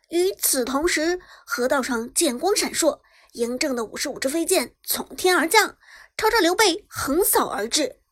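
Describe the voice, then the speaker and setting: High-voiced woman narrating a web novel. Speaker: audiobook narrator. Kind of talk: scripted narration.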